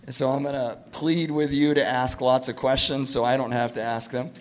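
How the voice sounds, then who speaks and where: A man's voice: mid-range voice, flat delivery, moderate pace. Scratchy-voiced man moderating a panel. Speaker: panel moderator, farm manager.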